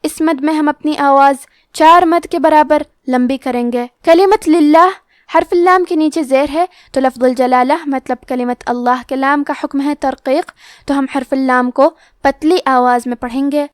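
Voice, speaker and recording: A woman teaching Quran recitation rules, explaining each letter and rule slowly and carefully. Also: high voice, fairly even intonation, dry recording, clean studio sound. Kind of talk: tajweed lesson explanation.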